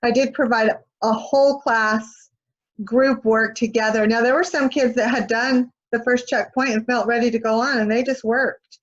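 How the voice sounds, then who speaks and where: A woman teacher chatting from home in an online parent meeting. She talks in a relaxed, casual way and is heard over a video call. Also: fairly high pitch, moderate pace. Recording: dull video call audio.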